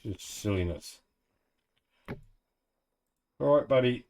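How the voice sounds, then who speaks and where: A New Zealand man with a broad Kiwi accent chats casually through his video game. His voice is mellow and relaxed, sitting at an average male pitch. He thinks aloud in easygoing slang, over faint noise in the recording. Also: slow pace. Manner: laid-back, colloquial, thinking aloud. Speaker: gamer narrating own let's play. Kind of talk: casual gameplay commentary.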